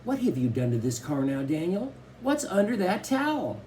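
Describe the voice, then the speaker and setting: Exasperated mom done by a male reader: scolding, worried, mellow tone. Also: fairly high pitch, sing-song, normal speed, slight background noise, voice pushed up. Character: exasperated, stern mother. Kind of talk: audiobook character voice.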